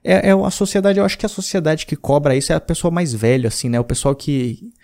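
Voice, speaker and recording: A man's voice: on the high side, fast talker, vocal fry, darkish tone. A man in his thirties from Brazil, hosting a podcast and chatting informally about listener messages, rambling with slang and restarts. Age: 30s. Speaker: podcast host. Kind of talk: casual podcast chat reading listener messages.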